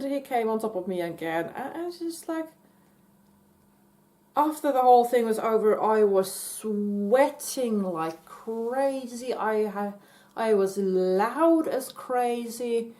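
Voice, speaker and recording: A woman casually telling a personal story in a halting way, full of fillers and restarts and breaking into giggles. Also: a little high, expressive, mellow. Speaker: vlogger.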